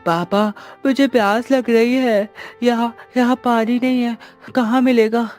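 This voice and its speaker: A man voicing a little village boy who begs and whines in a pleading, drawn-out way. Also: very high voice, fairly even intonation, soft background music, pitched above the performer's own voice. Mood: whiny.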